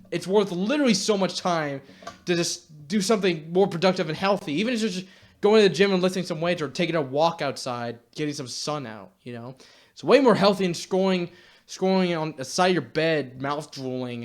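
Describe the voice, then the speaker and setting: A young man delivering a blunt, exasperated rant to camera, swearing casually as he lectures viewers. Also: a little high. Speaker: YouTube commentator.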